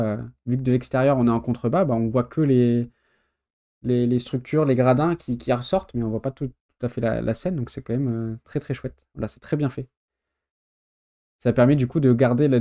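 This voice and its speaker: Male streamer, warm dark tone, easygoing chat full of pauses and fillers. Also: medium pitch. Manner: hesitant thinking aloud, many fillers. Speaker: streamer reacting to a video. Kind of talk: casual chat.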